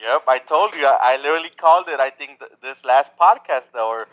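A man co-hosting a casual sports podcast, relaxed and self-assured, often repeating himself. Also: mid-range voice, a little fast. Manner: relaxed, self-assured, repeats words and says yep a lot. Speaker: podcast co-host. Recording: dull lo-fi sound.

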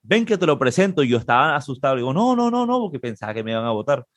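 A man's voice: medium pitch, racing, no room sound. A man from Peru with a Peruvian Spanish accent, a guest telling a casual anecdote and acting out the other people's lines in a raised voice. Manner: animated, acts out quoted dialogue in a raised voice. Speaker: interview guest, trombonist.

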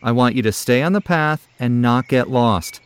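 A man's voice: medium pitch, moderate pace, smooth, natural voice. A man doing a concerned father.

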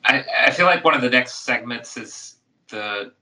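A man co-hosting a podcast, talking casually and haltingly about a film. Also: mid-range voice, expressive, bright, forceful tone, a little hiss or hum, poor audio. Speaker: podcast co-host. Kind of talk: casual chat.

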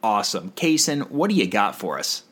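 A man's voice: lowish voice, big pitch swings, moderate pace, fairly bright tone, husky. A man co-hosting a casual podcast, reading listener questions and teasing his co-host. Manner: joking, teasing, hypes his answers. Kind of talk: casual chat.

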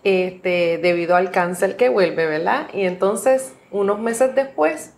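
A woman interviewer asking gentle, measured questions. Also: medium pitch.

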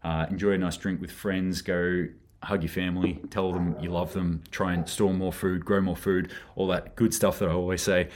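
A man's voice: low voice, level tone, moderate pace, darkish tone. A man hosting a daily preparedness news livestream, talking in a rambling, earnest way with lots of fillers and restarts. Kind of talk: casual livestream commentary.

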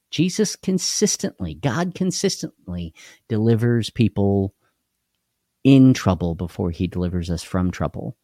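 A man's voice: fairly low pitch, warm tone, no echo, clean studio sound. A man hosting a live devotional talk, speaking earnestly and candidly, often repeating key phrases for emphasis. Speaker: host of a live devotional show.

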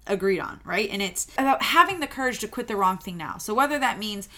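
A woman in her twenties co-hosts a podcast in a relaxed, chatty way. Her voice is bright and forward, and she rambles a little, leaning on "um" and "like" as she talks. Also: medium pitch, fast talker. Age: 20s. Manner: chatty, animated, lots of fillers like "um" and "like". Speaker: podcast co-host. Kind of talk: casual podcast chat.

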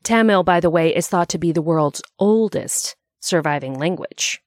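A woman's voice: fairly low pitch, moderate pace, dry recording, studio quality. A woman narrating a scripted explainer in a bookish, conversational way, with wry asides.

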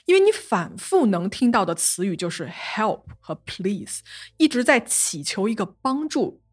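A woman's voice: mid-range voice, a little slow, breathy edge. A woman hosting a podcast, walking listeners through a true-crime case in a storytelling manner. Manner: lively narration, translating quotes into Chinese. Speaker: podcast host.

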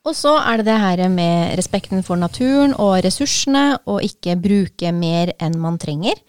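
A woman with a smooth, resonant voice talks through a book in a relaxed, thoughtful way, pausing often with small hesitations. The sound is close and dry, with no room around it. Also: mid-range voice, dry recording. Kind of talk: casual book talk.

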